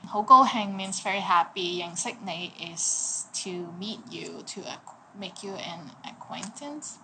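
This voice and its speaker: A woman's voice: fairly low pitch, expressive, unhurried. A young woman teaching a language lesson, chatty and lighthearted, with a light laugh in her talk. A faint hiss of noise sits under her voice. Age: 20s. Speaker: Cantonese teacher.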